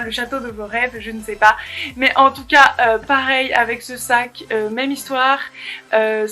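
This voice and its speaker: A woman's voice: fairly high pitch, pushed and bright. A woman showing off handbags to her viewers in a casual vlog, enthusiastic and full of fillers and restarts. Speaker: fashion vlogger. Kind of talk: casual product showcase.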